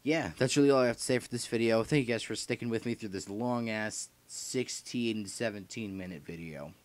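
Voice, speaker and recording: A young man with a lowish voice talks fairly quickly as he announces his podcast in a casual vlog. He rambles and repeats himself, with lots of fillers and restarts, and his throat sounds dry while he runs short of breath.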